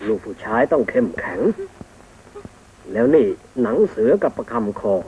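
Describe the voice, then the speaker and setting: An actor playing a kind, wise old male hermit who speaks gently to his grandson, in an old cartoon. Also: lowish voice, moderate pace, creaky, slight background noise. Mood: fatherly. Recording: tinny old film soundtrack with music.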